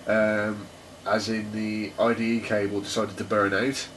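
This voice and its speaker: A man with a lowish voice co-hosts a laid-back tech podcast, rambling along with plenty of ums and restarts and laughing easily. He sits some way back from the mic, so there is a faint hiss of room ambience behind him. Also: level tone, a little slow, fairly bright tone, distant mic. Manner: rambling, hesitant, laughs often. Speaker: podcast co-host. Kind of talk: casual chat.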